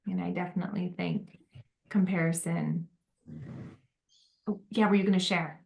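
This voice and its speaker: A woman facilitating a group discussion on motherhood, gentle and validating, with many fillers. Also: on the low side, fairly even intonation, normal speed, creaky. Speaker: workshop facilitator.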